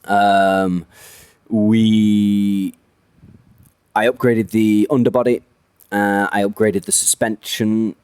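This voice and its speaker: A man's voice: fairly low pitch, level tone, slow pace, pauses often, a little mellow, clear, resonant tone, no room sound. A man giving casual, rambling commentary on a racing game, often correcting himself mid-sentence. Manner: rambling, self-correcting, chatty.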